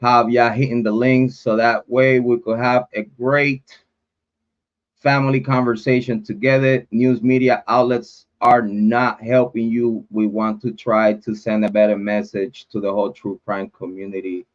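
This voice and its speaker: A Spanish-speaking man from Puerto Rico hosts a relaxed livestream chat in a medium-pitched voice with little pitch movement, and the recording has its highs cut off. He talks in a drawn-out, rambling way, peppered with fillers and the odd curse.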